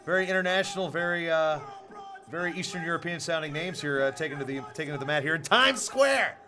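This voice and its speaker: A man calling a wrestling match play-by-play in a brisk broadcast delivery. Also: a little high, sharp tone. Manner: brisk broadcast delivery, reads sponsor lists. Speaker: play-by-play commentator. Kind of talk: sports commentary.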